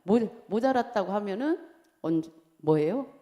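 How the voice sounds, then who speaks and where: A middle-aged woman, a pastor's wife, giving a chatty, candid sermon that drifts between quiet outline points and laughing asides about her own life. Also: medium pitch, animated, unhurried. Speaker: pastor's wife preaching to Sunday school. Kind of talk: conversational sermon. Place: church sanctuary. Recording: long church-hall reverb.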